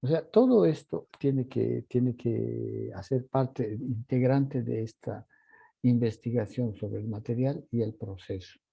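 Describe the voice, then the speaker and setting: Gravelly-voiced man teaching orchestration. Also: mid-range voice, slow. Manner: vocalizes musical articulations with syllables. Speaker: composition teacher. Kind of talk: orchestration workshop lesson. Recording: dull lo-fi recording.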